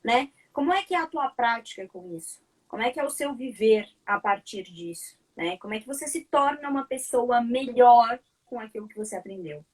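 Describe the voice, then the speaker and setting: A woman speaks reflectively on an online panel and keeps posing rhetorical questions. Her voice sits a little high. She sounds distant from the microphone, as if seated back from her laptop. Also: expressive, brisk, hardly any pauses, husky. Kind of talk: casual online panel talk.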